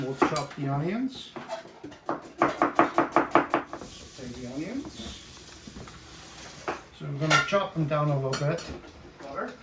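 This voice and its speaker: A middle-aged man with an Austrian accent, a chef walking through a cooking demonstration in a relaxed, instructive way with many "uh" fillers. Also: on the high side. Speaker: guest chef. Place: home kitchen. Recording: echoey kitchen from far off, faint hiss.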